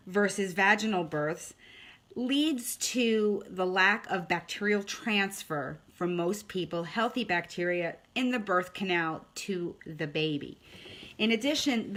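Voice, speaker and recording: A woman's voice: mid-range voice, fairly bright tone. A woman hosting a casual live-streamed health talk, chatting with viewers and often checking in with "okay?". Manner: chatty, greets viewers by name, frequent "okay?". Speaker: online health host.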